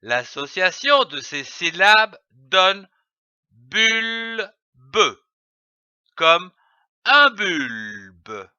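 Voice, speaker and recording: A man narrating a reading lesson, spelling out letters and syllables one by one with long, careful pauses. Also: a little high, wildly swooping pitch, pushed and bright, smooth, no room sound. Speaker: reading teacher. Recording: dull, lo-fi dry voice-over.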